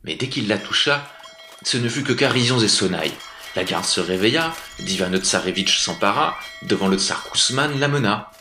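Man, storybook narrator, low pitch, crisp bright tone, rhythmic expressive reading, echoey room. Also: normal speed, faint music behind.

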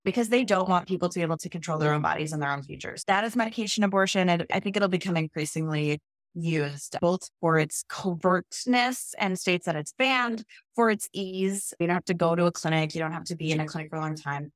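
A woman's voice: lowish voice, brisk, no room sound, studio quality. A woman with a Minnesotan accent, an advocate guest on a podcast, speaking in firm, emphatic statements. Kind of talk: podcast conversation.

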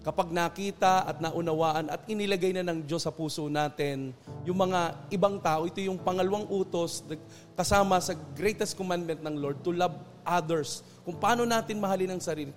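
Filipino pastor guy, high voice, earnest preachy testimony, echoey hall sound. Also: soft background music. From Philippines. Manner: earnest, preacherly, slows down for emphasis. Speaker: pastor, interview guest. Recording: long hall reverb.

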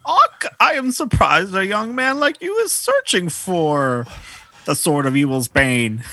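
A man putting on a booming old village elder. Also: sing-song, a little slow, pushed and bright, no echo, exaggerated voice. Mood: grandiose.

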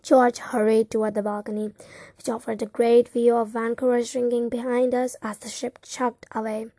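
A woman reads a first-person story aloud in a calm, steady way. Her voice sits fairly high but sounds warm and mellow. The recording is dry and close. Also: moderate pace, no room sound. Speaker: audiobook narrator. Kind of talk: first-person audiobook narration.

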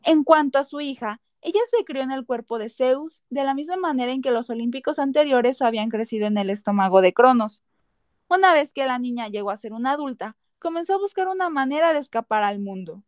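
A woman's voice: high voice, lively intonation, a little fast, no echo, clean studio sound. A woman narrating a scripted story dramatically as a podcast narrator.

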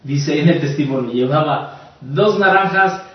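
A pastor preaching a sermon, telling a story earnestly and asking rhetorical questions. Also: male voice, a little high, measured pace. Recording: echoey hall, distant mic, dull sound.

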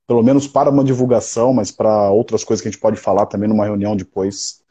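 A man's voice: lowish voice, level tone, fast talker, dark tone, breathy edge. A Brazilian man hosting a live online interview, asking casual, friendly questions. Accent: Brazilian Portuguese.

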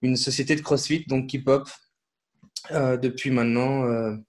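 A fitness coach from Switzerland appears as a guest on a casual podcast interview, speaking in a mid-range voice. He's relaxed and halting, with many fillers and restarts.

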